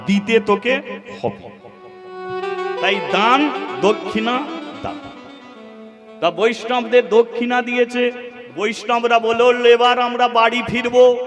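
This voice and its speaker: High-voiced man preaching. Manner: rhetorical questions to the audience, repeated lists. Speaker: kirtan preacher. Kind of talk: devotional storytelling sermon. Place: live devotional gathering before a seated audience. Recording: reverberant live recording with instruments.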